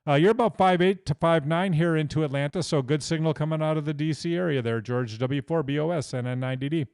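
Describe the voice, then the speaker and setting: A man's voice: on the high side, fast talker, darkish tone, clean tone, no room sound. An American man running casual amateur radio contacts into a close microphone. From Iowa, United States. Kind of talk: casual ham radio exchange.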